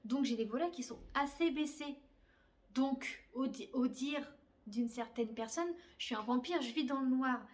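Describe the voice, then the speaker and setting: A young woman who hosts a crafting podcast chats casually from her bedroom about her crochet projects. Her voice is high-pitched and moves at a normal speed, peppered with fillers and blunt, slangy asides.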